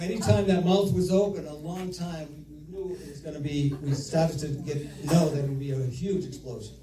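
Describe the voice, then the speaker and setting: Middle-aged male, slightly high voice, father of the bride speech with comic storytelling, echoey room with audience. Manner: storytelling with deliberate pauses and repeated phrases. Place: reception room before an audience. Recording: echoey room, distant mic, audience noise. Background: audience laughter and crowd noise.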